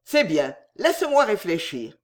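A reader voicing a proud man poet who declaims with booming indignation. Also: sing-song, unhurried. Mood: stern, commanding.

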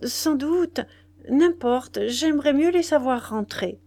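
A woman reading the lines of a middle-aged male inventor, a little louder than her narration, in an audiobook. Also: sits high, expressive, slow, pitched above the performer's own voice, exaggerated voice. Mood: cheerful, worried.

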